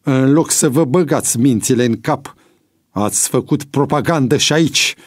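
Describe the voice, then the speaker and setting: A man's voice: medium pitch, no room sound, studio quality, pitched above the performer's own voice, lightly acted. A man voicing a stern, severe male prison commandant who scolds and barks orders. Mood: scolding. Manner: barking, scolding.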